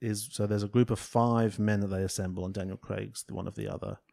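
A man's voice: on the low side, fairly even intonation, fast talker, gravelly, darkish tone. A man co-hosting a film review podcast in casual chat, making puns and often trailing off mid-sentence. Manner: jokey, makes puns, trails off and restarts. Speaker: podcast co-host.

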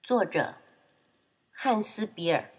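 A woman reading a children's storybook aloud with an expressive, gentle manner. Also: medium pitch, slow pace, husky.

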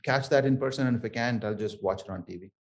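A man's voice: mid-range voice, quick pace, creaky. Male interview guest, thick South Indian accent, native Tamil speaker, mid-range voice, conversational delivery. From Chennai area, Tamil Nadu, southern India. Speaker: interview guest, Toastmasters member.

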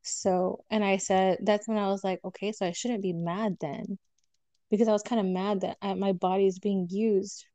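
A woman's voice: mid-range voice, level tone, normal speed, dark tone, dry recording. A woman chatting casually on a podcast, telling a personal story candidly and acting out the voices of people she quotes.

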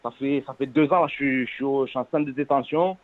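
A man in his twenties with a French suburban accent calls in by phone, chatting in street slang in an earnest, halting way, repeating oaths and words. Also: medium pitch. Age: 20s. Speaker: phone-in caller. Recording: narrow, tinny phone-line sound.

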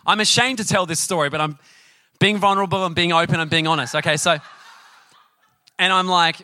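Chatty male preacher, bright voice. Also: sits high, fairly quick, no room sound. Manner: chatty, animated, often asks the audience questions. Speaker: pastor. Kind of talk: sermon with personal storytelling.

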